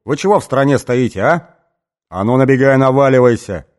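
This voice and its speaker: A man voicing a brutal, drunken male gang boss in an audiobook, shouting and snarling threats. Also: mid-range voice, expressive, normal speed, lightly acted. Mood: yelling orders. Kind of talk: audiobook character voice.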